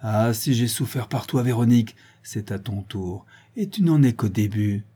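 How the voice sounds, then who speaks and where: Man reading as a vengeful older woman in an audiobook: hoarse, clipped, quiet menace, husky low timbre. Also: normal speed. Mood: hissing hatred.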